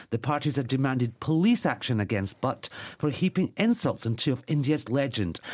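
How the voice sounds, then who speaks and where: A man's voice: medium pitch, a little mellow. A man hosting a radio show, presenting entertainment news and introducing guests in an upbeat announcing manner.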